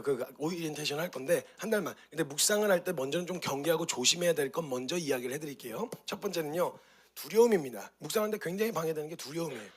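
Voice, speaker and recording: A male pastor teaching a course on Bible meditation, telling stories with lively rhetorical questions. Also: on the high side. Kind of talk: teaching talk.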